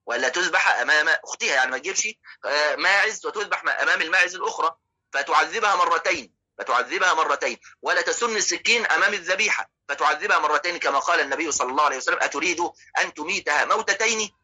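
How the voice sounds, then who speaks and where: A man's voice: a little high, racing, pushed and bright, poor audio. A man with an Egyptian accent giving a religious lesson on hadith, explaining step by step, asking rhetorical questions and checking that his listeners follow. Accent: Egyptian Arabic. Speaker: religious teacher.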